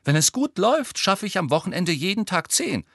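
A man voicing a pompous, study-obsessed teenage boy who boasts loudly and pushily. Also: lowish voice, animated, brisk, no echo, clean studio sound. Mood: boastful. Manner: boastful, pushy, loud.

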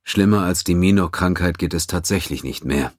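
A man doing a calm older doctor. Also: sits low, moderate pace, no echo, clean studio sound. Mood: regretful. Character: older male ship's doctor, calm and sympathetic. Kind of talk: audiobook character reading.

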